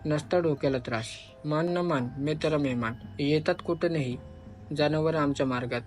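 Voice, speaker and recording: A man's voice: fairly high pitch, moderate pace, faint music behind, lightly acted. A man voicing a hot-tempered driver who mutters angrily, in a horror storybook. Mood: angry. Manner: angry muttering.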